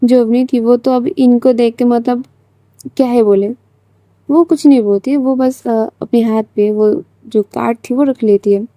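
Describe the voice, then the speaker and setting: A woman's voice: a little high, steady tone, unhurried, dark tone, dry recording. A woman storyteller narrating a story in a chatty, casual way with many fillers.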